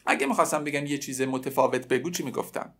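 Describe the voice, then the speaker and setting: A man leads a relaxed language lesson, speaking as if to his students. His pitch sits in the middle for a man, and he slows right down whenever he repeats a French phrase for the learners to copy. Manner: explains in Persian, then repeats French phrases slowly. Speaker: French teacher.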